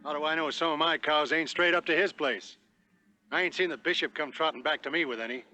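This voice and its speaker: An actor playing a rough, folksy cowboy mentor in a TV western, with a teasing manner and an American Western accent. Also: male voice, on the high side, fairly quick, sharp tone. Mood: gruff, easygoing. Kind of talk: TV western acting.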